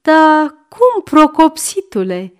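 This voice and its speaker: A woman reading aloud and voicing an indignant, sharp-tongued aunt. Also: high voice, very animated, pitched above the performer's own voice. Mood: teasing. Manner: indignant, snappy.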